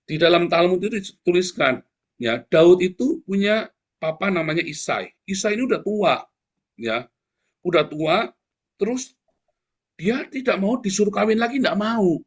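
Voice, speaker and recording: Middle-aged male preacher, blunt and combative sermon delivery, fairly high-pitched. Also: expressive, measured pace, husky. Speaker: pastor.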